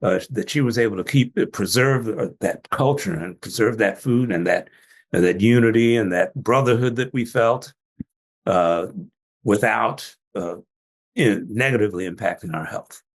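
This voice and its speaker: An older man with a low, gravelly voice speaks with a husky edge. He is a doctor telling stories in a casual podcast chat and laughs often as he goes. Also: moderate pace. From Jamaican family, trained in Atlanta. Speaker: physician guest. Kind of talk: casual interview talk.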